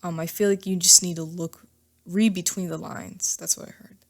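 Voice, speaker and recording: A woman's voice: fairly low pitch, fairly even intonation, normal speed, gravelly. A woman giving a casual spoken tarot reading into a microphone, reassuring and chatty, often checking in with "okay?" and "all right?". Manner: chatty and informal, with fillers and asides. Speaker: tarot reader.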